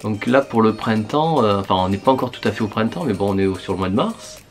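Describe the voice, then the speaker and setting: A man with a fairly low voice talks casually to his followers as a beauty vlogger. He pauses often, with many fillers, as he thinks aloud while putting on a face mask. Soft music plays faintly behind him. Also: lively intonation. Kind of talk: casual chat to viewers.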